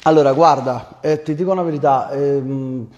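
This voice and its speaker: A man's voice: medium pitch, fairly even intonation, normal speed, a little mellow, highs cut off, slight background noise. A man from Campania with a Neapolitan accent, a singer explaining himself conversationally as an interview guest, with some hesitation. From Campania, southern Italy. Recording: roomy, echoing sound.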